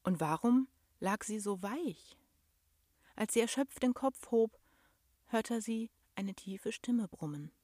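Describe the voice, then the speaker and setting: A woman's voice: a little high, no room sound, clean studio sound. A young adult woman narrating a storybook expressively, sinking to a whisper at tense moments. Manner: expressive, slow, drops to a whisper. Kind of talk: storybook reading.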